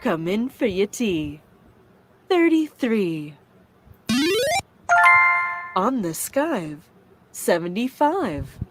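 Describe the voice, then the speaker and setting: A woman calling bingo numbers with their rhyming calls, slow and measured. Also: mid-range voice, big pitch swings. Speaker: bingo caller. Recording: loud music playing underneath.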